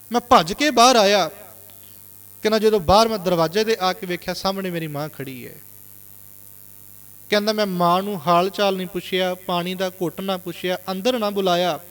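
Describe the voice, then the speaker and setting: High-voiced male preacher telling a story. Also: fairly bright tone, big-room sound. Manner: earnest, repeatedly inserting "he said". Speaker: Sikh preacher. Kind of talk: storytelling sermon.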